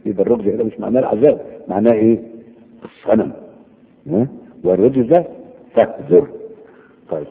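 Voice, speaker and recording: A low-voiced Egyptian man teaches Quranic vocabulary, pausing to quiz his listeners. His voice is gravelly. The recording is tinny and narrow, with a long hall echo trailing each word. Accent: Egyptian Arabic. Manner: quizzing listeners with repeated questions. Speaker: religious teacher. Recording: tinny phone-like audio with long hall reverb.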